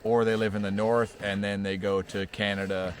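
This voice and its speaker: A man from the United States talks at length in a lowish voice, rambling from point to point. He is opinionated and breaks into laughter often, the way a vlogger chats with a friend. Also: flat delivery, moderate pace, background noise. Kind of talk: casual chat.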